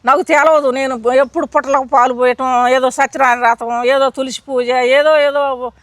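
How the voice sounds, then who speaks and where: An older woman tells her testimony in a high voice. She pleads and speaks earnestly. The recording is close and dry, with no room echo. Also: fairly even intonation, moderate pace, fairly bright tone. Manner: earnest, pleading, acts out her own past prayers. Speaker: interviewee giving testimony. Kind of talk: emotional testimony.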